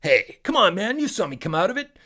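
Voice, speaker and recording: A man's voice: high-pitched, sing-song, fairly quick, sharp tone, husky, voice pushed up, heavily acted. A man voicing a brash, boastful evil male genie who taunts and swaggers. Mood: taunting.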